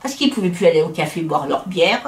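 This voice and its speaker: A woman's voice: on the low side, animated, brisk. A middle-aged woman from France talking in a casual interview, opinionated and chatty, often breaking off and restarting her sentences. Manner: talkative, opinionated, many restarts. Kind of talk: casual conversation. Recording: roomy echo.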